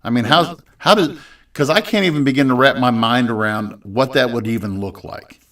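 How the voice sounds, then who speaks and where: A man's voice: medium pitch, normal speed, fairly bright tone, distant mic. A man co-hosting a casual podcast, talking politics in a rambling, hesitant way full of restarts. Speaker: podcast co-host.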